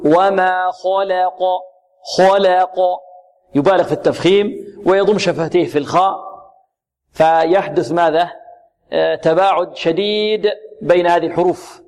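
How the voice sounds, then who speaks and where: A man teaching Quran recitation rules, drawing out words slowly and repeating syllables, asking and answering his own questions. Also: on the high side, a little mellow. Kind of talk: tajweed lesson with recited examples.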